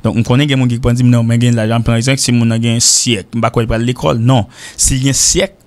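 A man with a Haitian accent giving a radio English lesson, explaining slowly and repeating himself, often checking in with "hein?" and "ok?". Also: medium pitch, fairly even intonation. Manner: mixes French with Creole. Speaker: English teacher. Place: radio studio.

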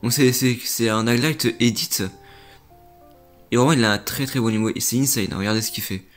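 A man's voice: medium pitch, a little fast. A young man with a mid-range voice rambles through casual reaction commentary on gaming clips, circling back to repeat his points. He talks loosely, leaning on fillers, with faint music playing behind him. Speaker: gaming YouTuber reviewing viewer clips.

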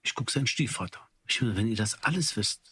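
A man with a low, rough, husky voice tells a long story in a loose, rambling way. He acts out the back-and-forth of a conversation and fills the pauses with hesitations. The sound is close and dry. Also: animated, bright, forceful tone, no room sound. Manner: rambling storytelling with quoted dialogue and fillers. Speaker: storyteller guest. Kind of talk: casual spoken anecdote.

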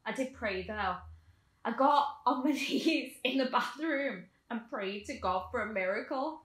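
Actress as an anxious young bride-to-be, bright high voice, roomy sound. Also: female voice, lively intonation, measured pace. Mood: wry. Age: young adult. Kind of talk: comedy short film acting. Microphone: video call.

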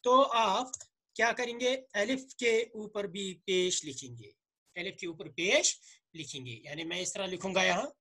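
A man with a Kashmiri accent and slightly hoarse throat, teaching a grammar lesson, asking questions and answering them himself while repeating words slowly. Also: high voice, lively intonation, pushed and bright. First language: Urdu. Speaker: Arabic teacher.

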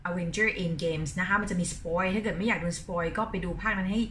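Young female Thai English teacher, chatty and bright, faint hiss behind. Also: on the low side, a little fast. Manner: chatty, playful, mixes English phrases into Thai explanations. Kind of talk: casual Thai lesson explaining film lines.

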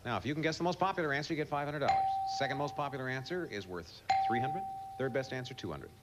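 A man hosting a studio game show, reading clues in quick succession, heard from an old VHS tape recording. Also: medium pitch, lively intonation, heavy background noise. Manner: brisk, rapid-fire reading of clues. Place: TV studio with live audience.

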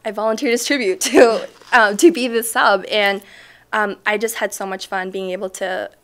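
A woman's voice: mid-range voice, steady tone, normal speed, a bit bright. A woman in her twenties, originally from Chile, who is a teacher answering interview questions in a school library, speaking thoughtfully with frequent ums. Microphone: off-camera mic, seated interview framing.

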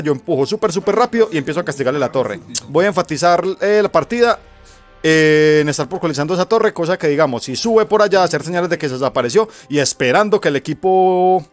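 A man with a Colombian accent giving casual, profane gameplay commentary, talking to himself and to his opponent as he plays. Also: a little high. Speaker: gamer.

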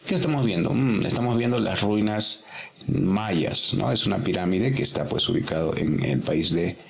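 A man's voice: sits low, normal speed, vocal fry. A man teaching English, working through a workbook exercise step by step and patiently repeating each answer.

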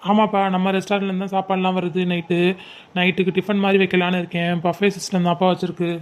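A man playing a calm, grateful elder relative who runs a restaurant, in a family web series. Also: high voice, fast talker, clean tone, close to an everyday voice. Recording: muffled lo-fi recording.

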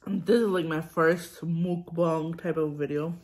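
A young woman vlogger chats casually during a mukbang, rambling with ums and restarts as she chews and sips between bites. Her voice is deep, unhurried and a little mellow, with fairly even intonation.

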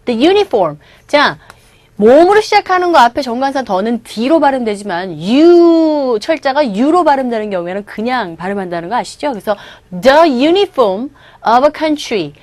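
A woman's voice: a little high, very animated, normal speed, a little mellow, no echo. A middle-aged Korean woman giving an online English lecture, explaining film lines and having listeners repeat pronunciation. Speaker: English teacher.

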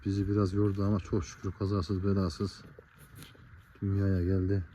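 A man's voice: deep voice, monotone, moderate pace, mellow, a little hiss or hum. A man, a cattle farmer, talking casually to his viewers and fondly coaxing his animals, out of breath. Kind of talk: casual farm vlog to viewers.

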